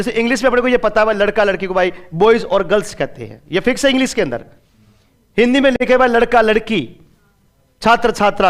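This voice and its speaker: A man teaching an exam-prep class in a chatty way. He asks his students questions and then answers them himself, and he drops in phrases of local dialect. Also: high voice. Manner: slips into regional dialect phrases. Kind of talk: classroom lecture.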